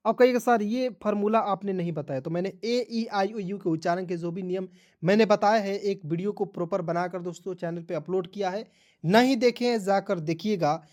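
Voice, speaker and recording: A man's voice: high-pitched, a little mellow. A man teaching English pronunciation in a video lesson, drilling each rule again and again and addressing viewers as friends.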